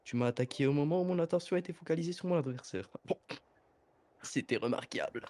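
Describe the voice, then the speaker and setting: A man's voice: fairly high pitch, fast, darkish tone, lightly acted. A man voicing an anime dub of a composed, menacing villain, speaking formally and theatrically. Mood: calm, admiring. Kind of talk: French anime dub parody, scripted villain monologue.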